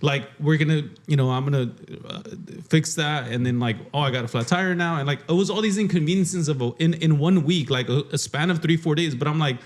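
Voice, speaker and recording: A young man co-hosting a podcast, recounting his week in relaxed, rambling casual chat. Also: fairly high pitch, fairly quick, few pauses. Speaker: podcast co-host.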